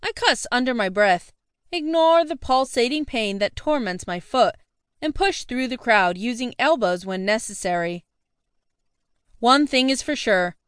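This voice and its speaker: A woman narrating a first-person novel as an audiobook, sassy and sharp-tongued. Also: on the high side, expressive, unhurried, clean tone, no room sound, studio quality.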